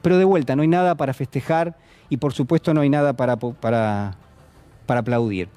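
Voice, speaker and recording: A man's voice: mid-range voice, fairly quick, dark tone. A man giving a televised political commentary, speaking to the viewer directly and posing rhetorical questions. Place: television studio.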